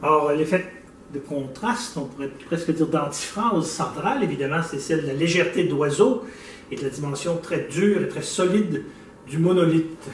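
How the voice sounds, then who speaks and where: A man who reads poetry aloud and then asks questions in a measured, articulate, wry way. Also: fairly high pitch, a little hiss or hum. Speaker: interviewer and poet. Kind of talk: poetry reading and interview questions. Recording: echoey room, mic at a distance.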